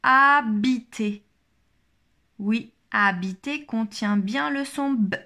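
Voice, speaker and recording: Woman, phonics teacher, slow careful speech, fairly high voice, words repeated twice. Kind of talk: phonics lesson for a child.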